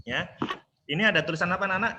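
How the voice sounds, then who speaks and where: A man's voice: high-pitched, fairly even intonation, rapid-fire, background noise. A male primary school teacher teaching an online class over a laptop video call, patiently coaxing answers and singing the scale notes. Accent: Indonesian.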